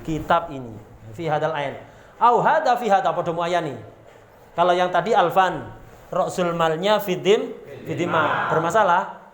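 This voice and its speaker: A man with a Javanese accent, pitched high, teaching a classical religious text. He reads Arabic phrases, explains them, quizzes his listeners and slips in small jokes. The recording sits in a roomy, echoing space with a faint hiss behind him. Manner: reads Arabic terms then explains them, asks rhetorical questions, jokes. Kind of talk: pesantren kitab lesson.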